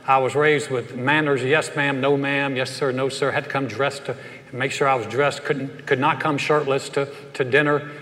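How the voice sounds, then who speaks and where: A man's voice: medium pitch, steady tone, moderate pace, fairly bright tone. A man preaching a live church sermon, telling humorous anecdotes with frequent restarts. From Southern US, raised in North Carolina. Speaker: pastor. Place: church sanctuary, live service. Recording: long church hall reverb.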